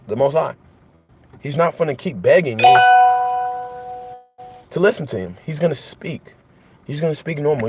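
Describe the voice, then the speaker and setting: A man's voice: mid-range voice, a little mellow, slightly rough. A man preaching in an impassioned monologue, piling up rhetorical questions and repetition. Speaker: host.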